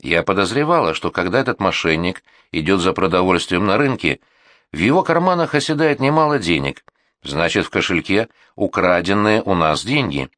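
A man's voice: deep voice, lively intonation, moderate pace, fairly bright tone, no echo, studio quality. A male audiobook reader voicing an indignant, thrifty middle-aged housewife in a talkative, complaining way.

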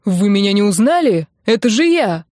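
A woman's voice: mid-range voice, very animated, normal speed, darkish tone, dry recording, clean studio sound, lightly acted. A woman voicing a cheeky, brash young man with a breezy, cocky way of talking, as an audiobook character. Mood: cheerful.

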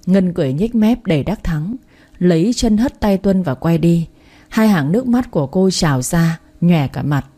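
A woman narrating a story in an even, unhurried reading voice that barely changes for the characters. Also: lowish voice.

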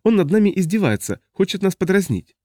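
A man voicing an impatient, domineering alien male who gurgles and croaks out commands. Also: high-pitched, big pitch swings, a little fast, mellow, no echo, clean studio sound, pitched above the performer's own voice. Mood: demanding.

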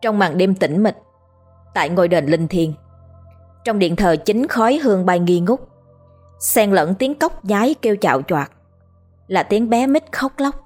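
A woman's voice: medium pitch, faint music behind. Woman narrating a horror story. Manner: steady, measured storytelling.

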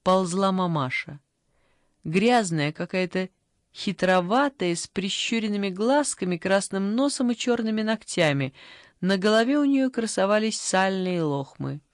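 Lively audiobook narrator, mid voice, dry close recording. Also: medium pitch, a little slow, dry recording. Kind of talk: audiobook reading.

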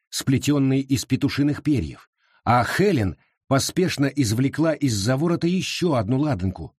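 A man narrating an audiobook with a dramatic, expressive reading. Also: mid-range voice, breathy edge, no room sound, studio quality. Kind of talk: scripted narration.

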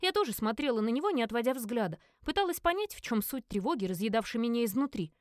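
A woman narrating a first-person audiobook in a lively acted reading, briefly giving each character a voice. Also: on the high side, fast, no room sound, clean studio sound.

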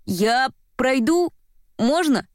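A woman's voice: high voice, lively intonation, drawn-out words, no echo, studio quality, voice pushed up, full character voice. A woman reading a story aloud voices a timid, clumsy, polite young male courier who speaks hesitantly and keeps apologizing.

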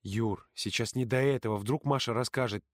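A man voicing a calm, firm young man who speaks quietly and steadily in an audiobook. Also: medium pitch, moderate pace, no room sound, clean studio sound, close to an everyday voice. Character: calm, firm young male camp counselor. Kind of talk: audiobook character voice.

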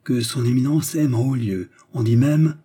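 A man reading an audiobook, voicing a scheming noblewoman who is frightened yet defiant, with a raised, pleading pitch. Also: normal speed, dark tone, husky, natural voice. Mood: anxious.

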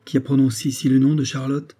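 A man's voice: medium pitch, monotone, quick pace, warm tone, breathy edge, pitched above the performer's own voice, natural voice. A man voicing a proud, heartbroken young soldier with an emphatic delivery in an audiobook reading. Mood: pained. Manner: pleading then heated, emphatic.

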